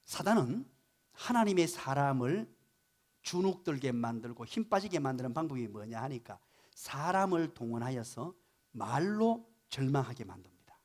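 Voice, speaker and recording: A male pastor preaching a Sunday morning sermon in a church, animated and full of rhetorical questions as he explains Hebrew words of the text. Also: medium pitch, normal speed. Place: church sanctuary.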